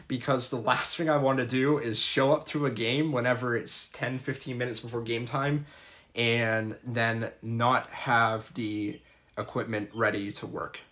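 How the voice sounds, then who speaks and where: A young adult man, a college student who works as a sports and public address announcer, offers earnest, methodical advice in a scripted vlog. His voice is mid-range with a fairly bright tone.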